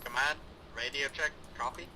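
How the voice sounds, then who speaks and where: A man's voice: medium pitch, fairly even intonation, moderate pace, bright, forceful tone. A man reporting to command over a helmet radio in a tactical game, in terse, procedural radio talk. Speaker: squad leader reporting to command.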